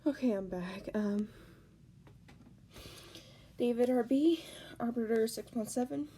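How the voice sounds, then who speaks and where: A woman talking to camera while upset and crying, halting, repeating herself and sighing. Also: on the high side, mellow, slight background noise. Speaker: vlogger. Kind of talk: tearful personal reaction vlog.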